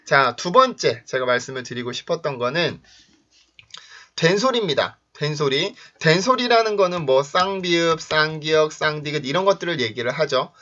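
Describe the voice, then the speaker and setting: A man teaching English pronunciation in a video lesson, explaining sounds and drilling example words in a clear, punchy way. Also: a little high, expressive, moderate pace, pushed and bright. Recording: dull lo-fi recording.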